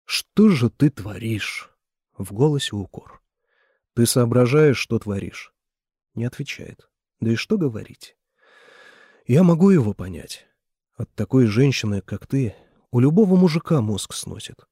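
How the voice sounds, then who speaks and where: A man voicing a stern older father who reproaches a young woman, with a husky voice. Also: medium pitch, animated, a little slow, long pauses, warm tone, no echo, clean studio sound. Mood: reproachful.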